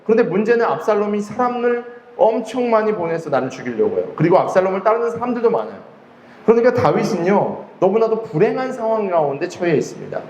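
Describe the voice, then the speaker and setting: A man's voice: sits high, big pitch swings, fast, darkish tone, a little hiss or hum. A male pastor preaching a sermon in a conversational way, often asking the congregation questions. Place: church hall. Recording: echoey hall with faint ambience.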